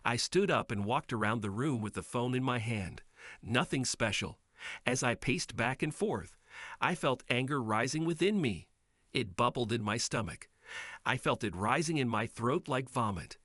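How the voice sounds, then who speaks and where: A man's voice: medium pitch, animated, normal speed, fairly bright tone, no echo. Man narrating a story, dry and close. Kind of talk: scripted first-person storytelling.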